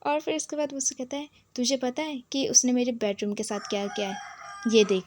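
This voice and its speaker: A woman's voice: a little high, a little fast, a little mellow, a little hiss or hum. A woman casually retelling a drama episode, reading the characters' lines in her own voice. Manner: retells the scenes and reads each character's dialogue in her own voice. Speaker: drama recap narrator.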